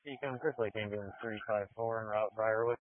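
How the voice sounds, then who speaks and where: A man's voice: lowish voice, fairly even intonation, fast. A man on an ambulance crew giving formulaic status reports over the radio. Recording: narrowband ambulance radio transmission.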